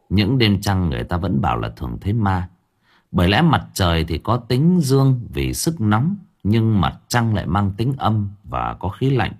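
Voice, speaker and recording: Male audiobook narrator, husky, lively intonation, lowish voice. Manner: storytelling narration with varied intonation.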